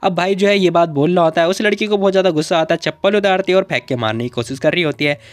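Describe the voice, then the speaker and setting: A man's voice: high-pitched, racing, dry recording. Chatty young man recapping a comic. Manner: chatty, addresses listener as brother, mixes in English. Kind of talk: casual storytelling recap.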